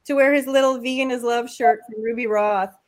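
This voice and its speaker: A woman guest on a podcast, chatting casually and telling animated stories about her kids. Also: on the high side, fairly quick. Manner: animated storyteller, acts out voices. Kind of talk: casual chat.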